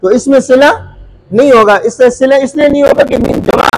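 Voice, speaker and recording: High-voiced man teaching in a repetitive, quizzing style. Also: background noise. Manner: repeats points and quizzes the listener with rhetorical questions; demonstrates recitation by drawing out sounds slowly. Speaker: Quran recitation teacher. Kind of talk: Urdu tajweed lesson.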